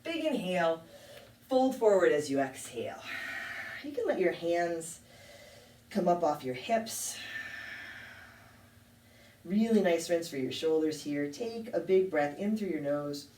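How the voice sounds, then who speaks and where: A woman teaching a yoga class, calmly calling out poses and breaths with a touch of self-deprecating humor. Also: on the low side, measured pace, pauses often, a little hiss or hum. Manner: calm cueing with light self-deprecating humor. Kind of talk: guided yoga class instruction. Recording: echoey room, mic at a distance.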